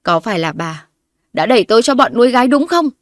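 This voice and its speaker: A woman's voice: medium pitch, a little fast, dry recording, studio quality, natural voice. A woman narrator voicing a wronged young wife who confronts her in-laws sharply and defiantly. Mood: accusing.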